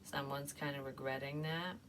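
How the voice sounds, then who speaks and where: A woman's voice: rumbling low, fairly even intonation, normal speed, fairly bright tone, distant mic, slight background noise. A woman giving a casual tarot reading, talking in a chatty, rambling way full of fillers. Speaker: tarot reader.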